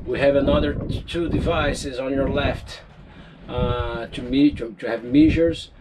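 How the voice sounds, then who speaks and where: Filming on a handheld action camera, a boat owner with a Brazilian Portuguese accent gives a walkthrough tour of his sailing catamaran, moving across the deck and into the cabin. English isn't his first language, and his medium-pitched voice stays steady as he speaks slowly and haltingly, proudly showing each item and listing its features. Background noise is audible.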